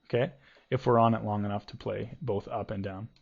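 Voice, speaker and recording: A man's voice: on the low side, fairly even intonation, brisk, vocal fry, slightly rough. A man giving a casual guitar lesson, explaining loosely with many ums and restarts. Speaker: guitar teacher. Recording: dull lo-fi home video audio with guitar.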